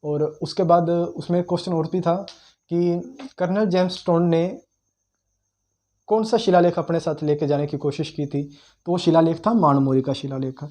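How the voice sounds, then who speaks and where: A young man teaches history in a relaxed, conversational way. His voice sits a little high but has a mellow, warm tone. He repeats key names for emphasis and often stops with "uh" while he searches his memory. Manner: conversational, repeats key terms, frequent "uh" pauses while recalling. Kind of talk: informal history lecture.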